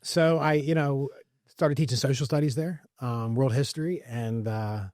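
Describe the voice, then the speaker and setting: A man in his forties with a Central Pennsylvania accent, a wrestling coach and teacher, reflects as a guest in a conversational podcast interview, using many fillers and repeated words. His mid-range, darkish voice moves at a moderate pace, in clean studio sound with no echo.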